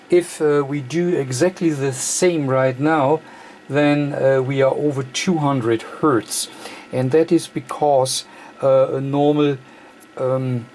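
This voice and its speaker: A man who hosts electronics repair demonstrations gives an unscripted, hands-on technical demo at an indoor workbench, and the recording is slightly noisy. English isn't his first language, so he speaks slowly and haltingly in short, hesitant, broken chunks. His voice is mid-pitched and a little mellow.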